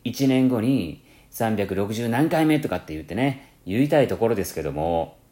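A low-pitched man with a Kansai accent blended into standard speech chats alone on his own radio-style show. His pitch rises and dips animatedly as he wanders from thought to thought. He leans heavily on fillers and corrects himself mid-sentence. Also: normal speed. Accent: Kansai mixed with standard Japanese. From Kansai, Japan. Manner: rambling, many fillers, self-corrections; lively rising and falling pitch. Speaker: podcast host. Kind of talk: casual solo radio talk.

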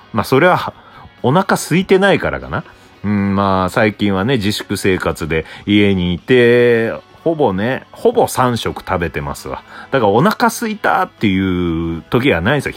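Rambling man with lively pitch. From Hokkaido. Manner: rambling, self-answering with frequent soft "un" fillers. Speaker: podcast host. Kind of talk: solo casual talk.

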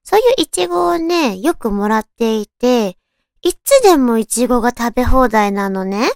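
A woman with a cute, girlish anime-like voice, chatting casually on her own as a radio talk host, with softly drawn-out phrasing. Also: fairly high pitch, expressive, no room sound, clean studio sound. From Tochigi, Japan. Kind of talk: casual solo chat.

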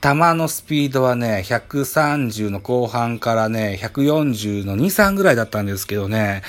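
A man's voice: mid-range voice, expressive, moderate pace. A man hosting a baseball game review, speaking in very polite, formal announcer-like phrasing. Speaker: host.

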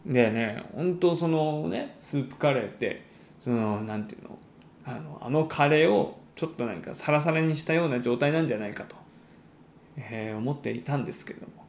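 A man hosting a solo podcast, chatting in polite, formal announcer-like phrasing with frequent pauses. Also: medium pitch, gravelly, echoey room, a little hiss or hum. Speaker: podcast host and stand-up comedian.

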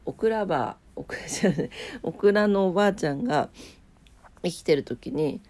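A woman's voice: on the low side, animated, moderate pace, darkish tone. A woman with a nasal, stuffed-up, drowsy voice, chatting casually as she reads out a morning bulletin. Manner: drowsy, unpolished. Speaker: host of a daily morning weather and today-in-history show. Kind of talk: casual chat mixed with reading weather and trivia notes.

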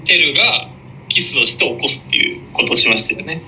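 Bright, animated man telling a story. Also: fairly high pitch, fast talker, a little hiss or hum, rough recording. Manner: animated, rambling storyteller who mixes up details. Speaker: podcast co-host. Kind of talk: casual chat.

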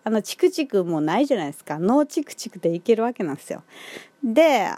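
A woman's voice: mid-range voice, very animated, fast, mellow, no echo. A woman with a Kansai accent talking alone in a casual monologue, chatty, with many fillers and frequent laughs. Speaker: solo podcast host.

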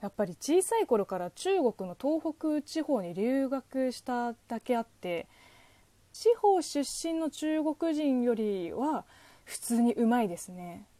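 A young woman whose first language is Chinese, hosting a casual solo podcast and chatting in a lively way with self-deprecating asides. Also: on the high side, takes it slowly, no room sound. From China. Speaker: podcast host.

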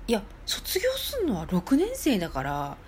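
A middle-aged woman hosts a casual solo podcast, telling personal stories in a lively, chatty way and acting out the voices she quotes. She speaks at a medium pitch and normal speed, with a little hiss or hum.

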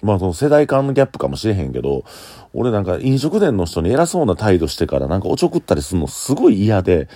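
Kansai bar owner, man, very low and fast, blunt solo talk, dry close recording. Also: big pitch swings, mellow, no room sound. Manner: blunt, opinionated.

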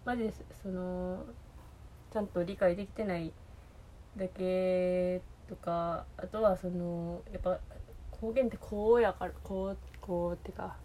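A woman's voice: lowish voice, steady tone, measured pace, dark tone, slight background noise. A woman with an Osaka Kansai accent, chatting alone in a rambling, hesitant way, full of fillers and restarts. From Osaka, Japan. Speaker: podcast host. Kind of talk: casual solo chat.

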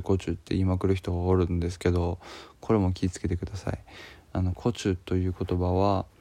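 A man's voice: deep voice, creaky, warm tone, dry recording. A man with a Kansai accent chatting casually to camera, joking and using many fillers. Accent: Kansai Japanese. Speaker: video creator. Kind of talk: casual talking-to-camera vlog.

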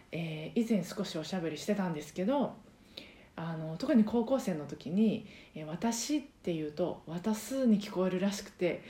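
A woman hosting a casual solo podcast, talking in a soft, breathy voice with many fillers as she explains things. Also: mid-range voice, echoey room. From Osaka, Japan. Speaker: podcast host and karaoke teacher.

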